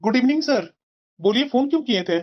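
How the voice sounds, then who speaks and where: A woman plays a quick-tempered young husband in a cartoon story, snapping and grumbling at his mother and wife. The voice sits high for a man. The recording sounds dull and muffled. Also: lively intonation, faint music behind. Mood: nervous. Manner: snapping, complaining. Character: irritable young husband, short-tempered son.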